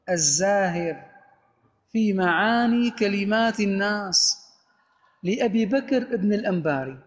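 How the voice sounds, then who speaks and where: A man lecturing on Arabic grammar, asking rhetorical questions and answering them himself, reading quoted text slowly and deliberately. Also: high voice. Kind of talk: lecture explaining a grammar book. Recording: dull lo-fi audio with long hall reverb.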